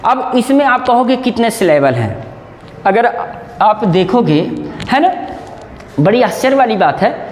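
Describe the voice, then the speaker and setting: Slow, high-voiced man teaching in an echoey room. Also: sing-song, darkish tone, a little hiss or hum. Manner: slow, repeats and spells out sounds; a little nervous. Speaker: English teacher. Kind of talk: casual Hindi-language grammar lesson. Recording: echoey room with long reverb.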